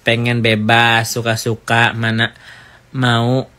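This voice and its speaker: A man's voice: medium pitch, monotone, slow, sharp tone, clean tone. A man giving casual, rambling gossip commentary in a chatty way.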